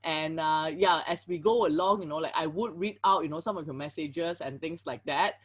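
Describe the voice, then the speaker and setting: A woman's voice: sits low, moderate pace, breathy edge. A woman hosts a live webinar over a video call. She talks casually and fills her sentences with "you know" and "like" as she greets people and keeps things moving. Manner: chatty, filler-heavy, greets viewers and reads chat aloud. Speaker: webinar host.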